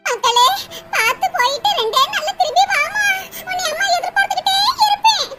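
Woman doing a fussy sentimental cartoon mom, sing-songy, really high pitched. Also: expressive, brisk, full character voice. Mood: doting. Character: doting sentimental village mother. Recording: loud background noise.

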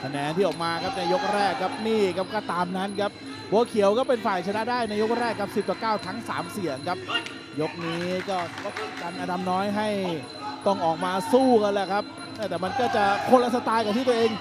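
A man giving excited play-by-play boxing commentary on Muay Thai, punctuated with exclamations. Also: high voice, fairly quick. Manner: exclaims while calling play-by-play. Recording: loud music over the commentary.

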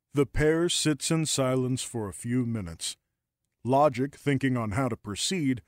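Brief: male narrator, measured and slow, dry studio sound. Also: medium pitch, dry recording. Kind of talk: scripted narration.

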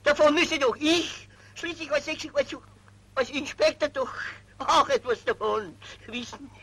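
A stammering, high-voiced fussy clerk. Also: male voice, a little slow, heavily acted, poor audio. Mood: fawning. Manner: stammering, deferential, excitable. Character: flustered fussy male minor civil servant. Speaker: stammering petty official. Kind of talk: 1940s film acting.

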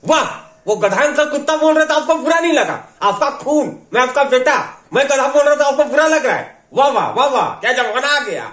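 A man's voice: extremely high pitch, expressive, brisk, few pauses, a bit bright. A man with a Bundeli accent playing a cheeky son who talks back and trades insults in a comedy sketch. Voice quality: cheeky, argumentative back-talk. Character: cheeky mouthy young son.

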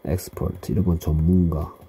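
A man's voice: deep voice, little pitch movement, moderate pace, warm tone, husky. A man teaching English vocabulary to middle school students, patiently explaining and repeating each word with its meaning. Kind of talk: vocabulary lesson.

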